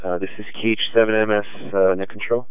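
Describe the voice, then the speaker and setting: A man with a lowish, very clear voice runs a ham radio net at an unhurried, measured pace, filling pauses with soft ums. He comes through a two-way radio on a thin, phone-like channel with a dry, close sound. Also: level tone, no room sound. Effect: heard over a two-way radio. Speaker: net control of an amateur radio net. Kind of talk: ham radio net, calling for check-ins. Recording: tinny radio transmission, dry.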